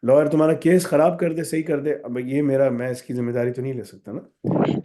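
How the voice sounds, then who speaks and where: A man's voice: medium pitch, fairly even intonation, fairly quick, mellow. A man with a sore throat, answering student questions in a live session in a direct, instructive way. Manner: direct, switches to English for emphasis. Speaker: college founder answering questions.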